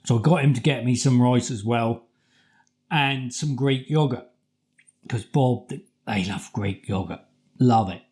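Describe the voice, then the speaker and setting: Casting: middle-aged British male vlogger, soft-edged mellow tone, chatty and colloquial, circles back over his points. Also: medium pitch. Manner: halting, repetitive, colloquial. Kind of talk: casual rambling personal storytelling.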